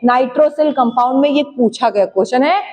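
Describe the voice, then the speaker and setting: A woman's voice: high voice, muffled recording. A woman teaching a chemistry class in speech, quizzing students, answering her own questions and dictating key points. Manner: urges students to write fast; slowly spells out key terms for dictation. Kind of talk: classroom lecture, dictating notes. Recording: long hall reverb.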